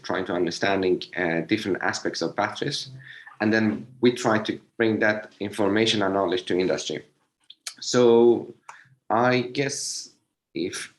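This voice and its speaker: Hoarse low-voiced man giving a lecture. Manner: hesitant, many "uh" fillers. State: slightly hoarse, lost voice. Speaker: associate professor giving a webinar talk. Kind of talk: academic presentation. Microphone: video call.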